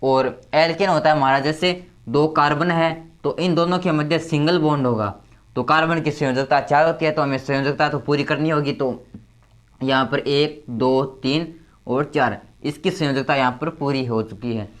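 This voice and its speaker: Higher-voiced man tutoring chemistry. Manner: repeats key terms, counts slowly aloud. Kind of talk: explaining step by step at a board.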